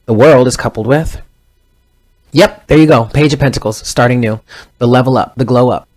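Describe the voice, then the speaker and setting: A man's voice: mid-range voice, normal speed, darkish tone. A man in his thirties giving a casual tarot reading, rambling and often correcting himself mid-sentence. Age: 30s. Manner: rambling, self-correcting, conversational. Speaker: tarot reader.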